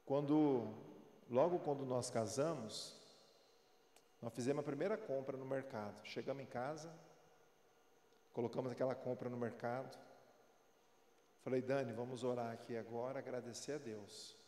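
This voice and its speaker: A man's voice: mid-range voice, normal speed, pauses often, dark tone. A man in his forties, a pastor giving a sermon in a conversational, storytelling way. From Brazil. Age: 40s. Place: large church hall. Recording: echoey, reverberant church hall.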